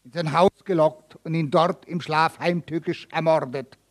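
A harsh old-time judge interrogates in a loud, cutting tone, sneering at every answer. A man reading a story aloud gives him this voice, pitched a little high and pressed hard. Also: steady tone, moderate pace, natural voice. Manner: cold, threatening, mocking. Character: stern, scornful male village judge.

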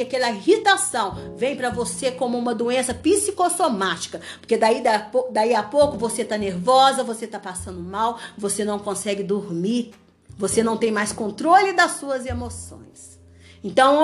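A woman delivers a fervent sermon, driving her points home through repetition and sharp commands. Her voice sits a little high. Faint instrumental music plays underneath. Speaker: preacher.

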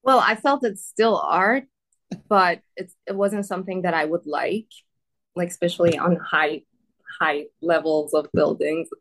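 A woman's voice: lowish voice, a little slow, a bit bright. A woman from Iran, a native Persian speaker, answering interview questions as an artist guest, hesitant and full of "um" and "like". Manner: hesitant, laughs often, says "like" and "um".

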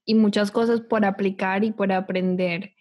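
Flat-voiced woman podcast host. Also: mid-range voice, normal speed, lo-fi sound. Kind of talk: interview conversation.

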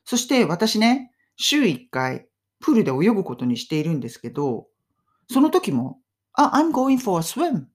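A woman hosting a casual English lesson in Japanese, modeling English phrases slowly and clearly for listeners to repeat. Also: sits low, very animated, a little mellow. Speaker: English teacher podcast host.

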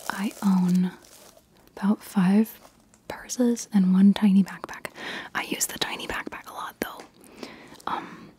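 A woman whispering breathy ASMR with tingly mouth sounds, rambling casually and playfully repeating words and short phrases. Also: medium pitch, fairly even intonation, slow pace, long pauses, mellow. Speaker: ASMR video creator.

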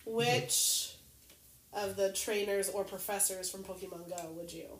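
A woman chatting casually with friends in a halting way, full of fillers and restarts. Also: medium pitch. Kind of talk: casual chat. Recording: roomy echo, faint noise.

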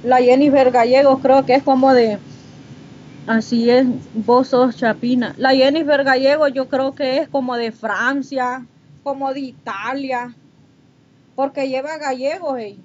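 Through muffled, noisy livestream audio, a woman with a Honduran Spanish accent does her makeup and casually chats with viewers, reading and replying to their comments. Her high-sitting voice has a darkish, steady tone, and she talks at a measured pace.

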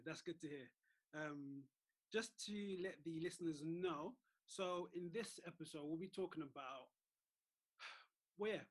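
A man hosting a sports business podcast from home, friendly and hesitant with many fillers. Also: a little high. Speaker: podcast host. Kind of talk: casual podcast interview.

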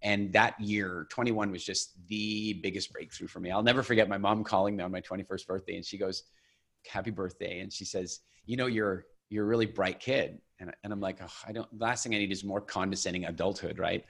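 A man in his forties telling his life story as an interview guest, animated and full of restarts, acting out quoted voices. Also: low-pitched, fairly quick, vocal fry. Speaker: guest, business founder.

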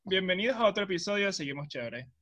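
A man's voice: sits high, animated, quick pace, fairly bright tone. A man with a Venezuelan accent hosting a casual podcast, wry and playful, laughing often. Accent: Venezuelan Spanish. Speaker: podcast host.

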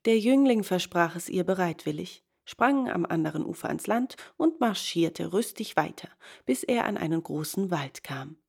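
A woman reading a fairy tale aloud in calm storybook narration, voicing the figures as she goes. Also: fairly low pitch, moderate pace, creaky, hardly any pauses, breathy edge.

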